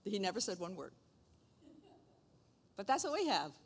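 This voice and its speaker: A middle-aged woman, a pastor's wife, preaching a sermon with animated storytelling and playful asides. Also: medium pitch, moderate pace, breathy edge. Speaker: pastor's wife and church leader.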